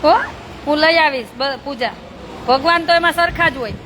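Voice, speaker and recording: A high, bright, forceful female voice at a moderate pace belongs to a woman who runs a charity for slum children. Surrounded by a group of kids, she chats casually with them, teasing, coaxing and scolding in a playful yet bossy way. The recording carries noisy, crowded outdoor ambience.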